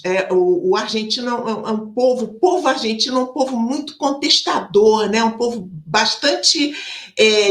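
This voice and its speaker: A woman's voice: a little high, a bit bright, roomy sound. A woman from Rio de Janeiro interviewing an author, thinking aloud in a casual chat. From Rio de Janeiro, Brazil.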